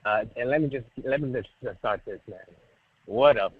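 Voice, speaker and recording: Muffled caller, phone held away. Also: male voice, medium pitch, over a noisy crowd. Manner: rambling, laid-back, drawn-out phrases. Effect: muffled phone held away from the mouth. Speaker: sports radio caller. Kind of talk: casual call-in chat. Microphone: phone on speaker, held away. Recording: muffled, tinny phone line.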